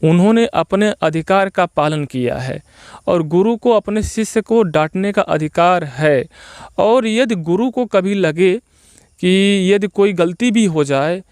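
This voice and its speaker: A man giving spoken opinion commentary as a video host, arguing his case point by point and pausing often on repeated filler phrases. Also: high-pitched, a little mellow, clear, resonant tone, dry recording, studio quality. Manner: argumentative, explains point by point.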